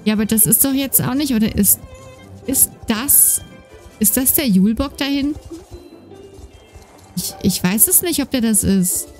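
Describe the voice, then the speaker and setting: This gaming YouTuber's voice is on the high side, moving at a moderate pace with long pauses as she casually comments on a horse game she's playing. Her talk is full of fillers, and a slight lisp softens her S sounds at the ends. She records on a desk mic with a noise gate, with game music and hoofbeats audible.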